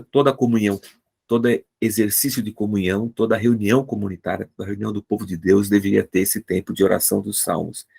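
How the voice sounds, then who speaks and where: A man's voice: lowish voice, creaky, a little mellow, slightly rough. A man with a Brazilian Portuguese accent, a pastor teaching an online Bible study and explaining each point by repeating and rephrasing it, heard over a video call.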